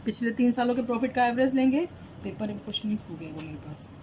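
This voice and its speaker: Walking her students through a solved accounting problem step by step, a woman speaks Hindi sprinkled with English terms, frequently asking them questions and repeating "did you understand?" She talks quickly with a fairly high, mellow voice and lively intonation, over slight background noise on a poor recording.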